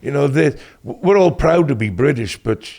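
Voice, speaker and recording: A man's voice: medium pitch, animated, moderate pace, a little mellow. An older Welsh man from Wales, a military veteran guest telling anecdotes in an interview and acting out the voices he quotes. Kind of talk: casual interview storytelling.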